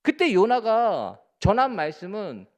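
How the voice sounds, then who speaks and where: A man's voice: big pitch swings, a little slow, big-room sound. A man preaching a sermon as pastor, speaking earnestly to the congregation and repeating words for emphasis. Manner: earnest preaching with rising emphatic peaks and soft low endings; addresses the congregation directly, often repeating words.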